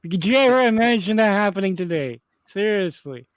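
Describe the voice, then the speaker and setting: A man's voice: high voice, animated, brisk, clean tone, no room sound. A man as a panel guest talking confidently in casual chat and laughing between points. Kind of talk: casual live-stream chat.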